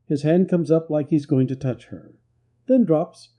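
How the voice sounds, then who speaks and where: A man narrating a scripted story in a calm, measured way. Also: a little high, muffled recording.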